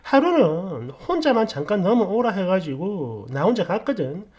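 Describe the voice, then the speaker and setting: Woman storyteller, casual narration, blunt and sarcastic, pitch swinging up and down a lot. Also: very animated, normal speed, darkish tone, husky, lo-fi sound.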